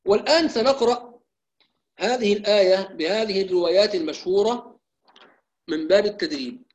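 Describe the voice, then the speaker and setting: A man teaching Quran recitation in a live lesson, explaining rules and reciting drawn-out examples. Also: high voice, low-quality recording.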